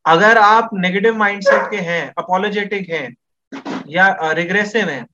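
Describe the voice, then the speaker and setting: A man's voice: high voice, a little slow, lo-fi sound, heavy background noise. A man talking as a podcast guest in a casual discussion, explaining at length with many fillers. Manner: explains at length, Hinglish mixing, frequent fillers.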